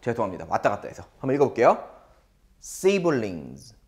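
This English lesson comes from a Korean-accented man whose fairly high voice drills phrases slowly. His explanations are delivered with animation.

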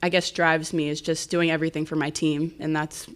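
A young freshman softball player answers questions at a press conference. Her voice sits low and stays level, with little rise or fall. She speaks in a soft-spoken, modest way, and her tone is smooth. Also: flat delivery, fairly quick. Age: young adult. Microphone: table mic.

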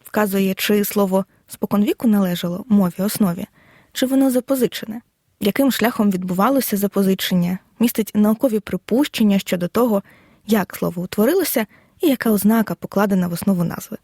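A woman teacher giving a scripted audio lesson, explaining in a measured way and reading examples out one by one. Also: mid-range voice, warm tone, no echo, clean studio sound. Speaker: Ukrainian language teacher.

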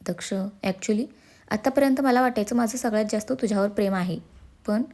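Woman doing a young wife, storybook, mischievous, sly teasing delivery, mellow voice. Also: mid-range voice, brisk, close to an everyday voice. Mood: serious. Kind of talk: storybook character reading.

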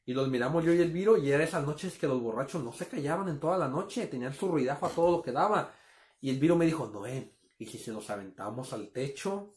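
A man's voice: fairly high pitch, fast talker, a little mellow. Guy telling a story, chatty, does the sound effects himself, echoey room. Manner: chatty, addresses listeners as friends, acts out sound effects. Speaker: storyteller host. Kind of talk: casual storytelling to an audience.

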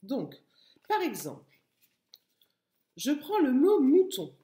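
A woman's voice: sits high, wildly swooping pitch, slow pace, warm tone. A woman teaching a phonics lesson to young children, articulating each syllable with sing-song emphasis. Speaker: kindergarten teacher. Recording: echoey room.

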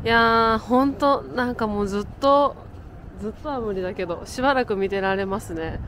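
A woman's voice: fairly high pitch, fairly quick, fairly bright tone, slight background noise. A woman, chatting to her camera as she walks around a city outdoors, laughing often. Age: 30s. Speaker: travel vlogger. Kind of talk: casual travel vlog narration. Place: outdoors in a windy, cold city.

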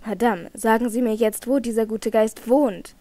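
A woman's voice: on the high side, steady tone, moderate pace, dark tone, dry recording, close to an everyday voice. A woman voicing an anxious young nobleman in an audiobook, asking urgent, distressed questions. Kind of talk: audiobook character reading.

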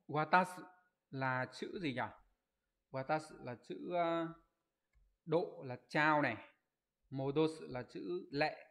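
A man's voice: mid-range voice, a bit bright. Man teaching a Japanese exam review. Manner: explains step by step, asks rhetorical check questions; reads out viewers' comment answers in a quick list. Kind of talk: live online exam-review lesson.

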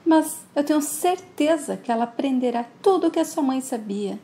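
A woman's voice: high-pitched, expressive, normal speed, warm tone. A woman voicing a wistful widowed father. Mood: earnest.

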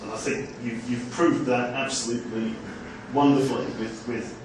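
A man, a university lecturer, making a measured, hesitant comment from the audience at a seminar in a small room. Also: mid-range voice, fairly even intonation. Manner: measured, hesitant with many ums. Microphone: far room camera mic. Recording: echoey room from far off, background hiss.

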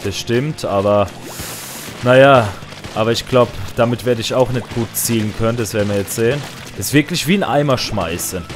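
Excitable man commentating his gameplay. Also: a little fast, few pauses. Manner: excitable, swings to loud high outbursts. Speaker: gaming let's player. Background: faint game music.

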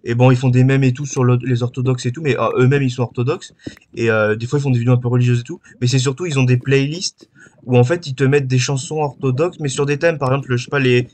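A man at an ordinary middle pitch hosts a gaming session and talks casually as he plays. His talk wanders, full of hesitations and fillers. A faint hiss sits under the voice. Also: fairly even intonation, fast, darkish tone. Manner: rambling, hesitant, many fillers, hums tunes. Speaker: gaming channel host. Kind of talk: casual chat while playing.

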